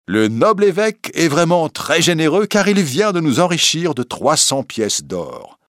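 A man's voice: fairly high pitch, sing-song, normal speed, dry recording, clean studio sound, voice pushed up. A man doing a cheeky outlaw sidekick. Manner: cheeky, teasing. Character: loyal, jovial male outlaw companion.

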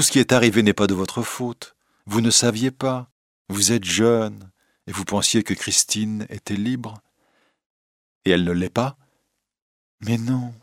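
A man's voice: on the low side, dry recording, studio quality, voice pushed up, natural voice. A man reading a storybook, voicing a kindly, naive old woman who talks cheerfully and candidly.

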